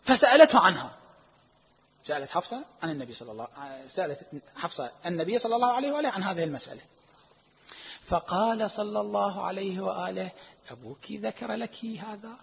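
A man giving a religious lecture, citing sources emphatically, stretching key words and asking rhetorical questions, his volume swinging between loud and hushed. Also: high voice, expressive, quick pace, creaky, pauses often, breathy edge. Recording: dull lo-fi recording with long hall reverb.

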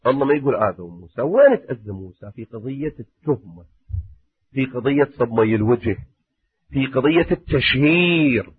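A man's voice: medium pitch, expressive, a little fast, no room sound. Male preacher, impassioned storytelling, dry tinny lo-fi sound. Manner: impassioned, swings from loud warnings to hushed asides. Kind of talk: sermon storytelling. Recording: muffled, narrow phone-like sound, husky and dry.

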